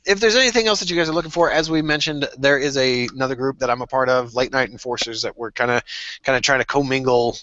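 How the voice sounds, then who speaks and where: Male podcast host, loose and crude, bright edge, dry close sound. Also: medium pitch, fast talker, dry recording, highs cut off. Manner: crude, joking, rambling. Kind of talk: casual podcast chat.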